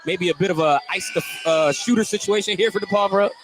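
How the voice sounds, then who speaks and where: This radio announcer's voice is high-pitched and quick-paced as he calls a live basketball game in clipped, running phrases. Music plays behind him, and the recording from the indoor gym is very noisy.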